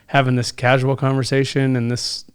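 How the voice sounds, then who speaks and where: A man's voice: medium pitch, completely flat delivery, moderate pace, smooth. Easygoing man adding short asides. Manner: easygoing, laughs along, adds short asides. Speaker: podcast co-host, husband. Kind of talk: casual chat.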